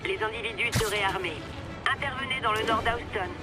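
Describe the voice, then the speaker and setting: High police radio dispatcher. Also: male voice, a little fast, over loud music. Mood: businesslike. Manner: flat official dispatch delivery. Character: male police dispatcher, calm and routine. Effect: police radio broadcast. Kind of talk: video game dub.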